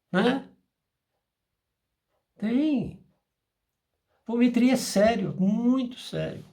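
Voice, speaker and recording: A man teaches an informal spiritual class. His voice sits high for a man, and he keeps slipping into short acted exchanges to make his points. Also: creaky. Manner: animated, acts out dialogues in asides.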